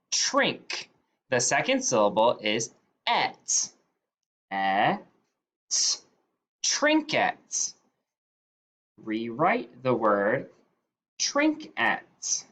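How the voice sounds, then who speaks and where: Slow, patient low-voiced woman teacher. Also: a bit bright. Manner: sounds out each word slowly, repeating it; clear, patient classroom delivery. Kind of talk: spelling dictation lesson.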